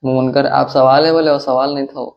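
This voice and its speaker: A man teaching a religious lesson in a measured, explanatory way, with hesitations and quick Arabic recitation. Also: mid-range voice, flat delivery, creaky, dull audio. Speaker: teacher of Islamic creed and law.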